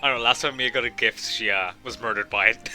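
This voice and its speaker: A man's voice: medium pitch, fairly even intonation, fast talker, pushed and bright, faint music behind. A young man casually reading game dialogue with friends, often laughing and adding gags. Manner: laughs a lot, reads lines with gags. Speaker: player voicing the lead.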